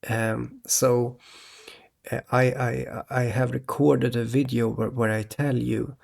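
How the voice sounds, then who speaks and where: A man from Sweden, rambling in a halting monologue to his viewers, restarting often and tagging "okay?" onto his points. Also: mid-range voice, flat delivery, vocal fry, a little mellow. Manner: halting, many restarts, keeps adding "okay?". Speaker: vlogger.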